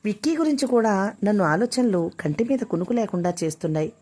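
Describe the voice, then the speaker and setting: A woman's voice: mid-range voice, lively intonation, a little fast, a little mellow, lightly acted. Woman voicing a distraught, fearful mother. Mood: anxious. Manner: emotional, tearful, pleading. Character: distraught middle-aged mother, fearful and quick-tempered.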